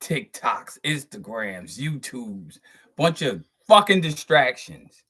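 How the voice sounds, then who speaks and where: A channel host speaks slowly in a sing-song, medium-pitched voice that is pushed, bright, and breathy. He gives viewers a profane, preachy spiritual monologue, emphatically stretching words and chuckling between points.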